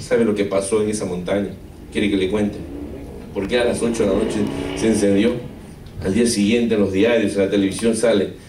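A man's voice: on the low side, mellow. Argentine guy preaching his testimony, keeps saying brother, echoey room, some faint noise. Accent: Argentine Spanish. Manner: emotional storytelling, often addressing listeners as brother; asks rhetorical questions of the audience. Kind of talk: sermon testimony. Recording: echoey room, mic far off.

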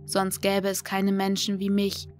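A woman reading a first-person horror story as an audiobook narrator, in a flat, even manner. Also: medium pitch, measured pace. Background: faint music.

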